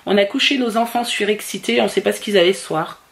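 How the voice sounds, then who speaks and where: A woman chatting casually about daily family life as a vlogger, with a gravelly, creaky voice. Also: medium pitch, quick pace. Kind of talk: casual vlog chat.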